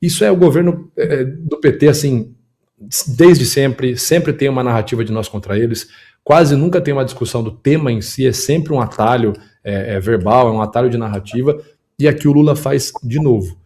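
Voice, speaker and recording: A man hosting a political commentary show, breaking down clips quickly and emphatically for his viewers. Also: medium pitch, darkish tone. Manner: quick, emphatic, analytical, talks to the audience and production. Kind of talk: video commentary and analysis.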